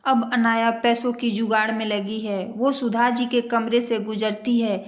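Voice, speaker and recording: A woman narrating a family moral story in a plain, steady reading voice. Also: fairly high pitch, a little slow. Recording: echoey room.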